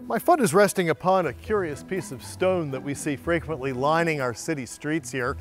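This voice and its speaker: A man's voice: a little high, moderate pace, soft background music. A middle-aged man, guiding a walking tour outdoors in a playful, storytelling way. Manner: storytelling, lively, playful asides. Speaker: tour guide. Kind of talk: on-camera walking tour presentation. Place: outdoors on historic city streets and alleys.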